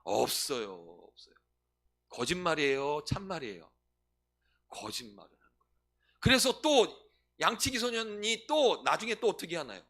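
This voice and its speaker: A senior pastor preaches a sermon in a high, pushed, bright voice. He often poses questions to the congregation and then answers them himself.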